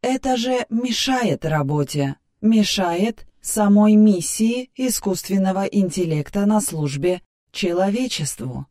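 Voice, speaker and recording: A woman voicing a capricious female artificial intelligence who lives in the hero's head, talking softly and musingly in an audiobook. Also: mid-range voice, expressive, slow pace. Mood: pensive. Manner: soft, musing, wheedling. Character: capricious female AI partner inside a man's head. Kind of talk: audiobook character voice.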